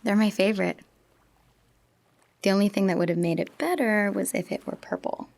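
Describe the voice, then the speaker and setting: In an audio drama, a woman plays Marie, a wistful, teasing young woman, using a slightly gravelly, medium-pitched voice with soft breathy asides. She speaks at a moderate pace, and the recording is dry.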